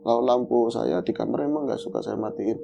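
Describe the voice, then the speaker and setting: A man telling a true horror story in casual chat, animated as he acts out his own calls and growls. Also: mid-range voice, brisk, creaky, muffled recording, music in the background. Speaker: guest storyteller.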